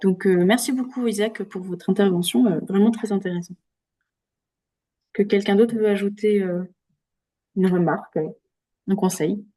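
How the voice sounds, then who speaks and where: A woman's voice: medium pitch, steady tone, normal speed, long pauses, mellow. A woman presenting and moderating an online teacher workshop over a video call, speaking hesitantly with many filler sounds. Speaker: webinar presenter.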